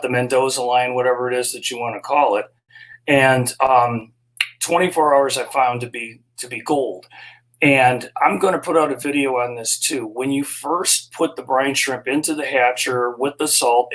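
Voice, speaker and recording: A middle-aged man talks loosely and cheerfully to viewers on a live stream, in a voice of ordinary pitch. He rambles, circles back on himself and drops in folksy asides. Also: fairly bright tone, poor audio. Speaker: live stream host, fish breeder. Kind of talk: casual live stream chat.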